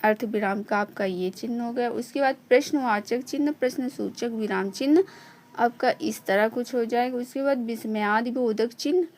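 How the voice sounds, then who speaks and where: A woman teaching an online lesson, explaining each point slowly and repeating it, checking in with a short "okay" after almost every sentence. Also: fairly high pitch, a little mellow.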